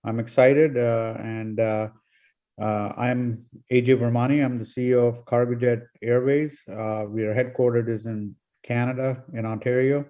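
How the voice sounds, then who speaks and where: An older man, a company chief executive, calmly recounting his career on a panel over a video call. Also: mid-range voice, normal speed. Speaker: CEO and panelist. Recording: dull lo-fi audio.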